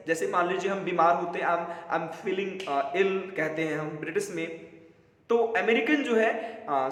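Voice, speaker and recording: High-voiced man teaching in an echoey room. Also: fairly bright tone. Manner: switches between Hindi explanation and slow, deliberate English example sentences. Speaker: English teacher. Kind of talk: classroom-style lesson explanation. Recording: roomy echo with long reverb.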